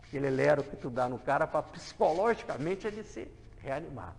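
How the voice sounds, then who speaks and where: A man's voice: lively intonation, a little fast, vocal fry. Fervent Brazilian man lecturing, echoey hall. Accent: Brazilian Portuguese. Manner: emphatic, swings from loud fervour to soft low asides; conversational, often adds tag questions. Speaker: lecturer on the gospels. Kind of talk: expository talk on a biblical parable.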